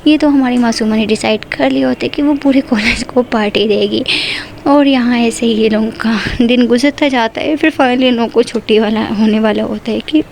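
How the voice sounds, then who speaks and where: A woman's voice: fairly high pitch, normal speed, vocal fry, darkish tone, slight background noise. Chatty woman telling a story. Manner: chatty, rambling, repeats filler phrases. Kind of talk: casual spoken storytelling.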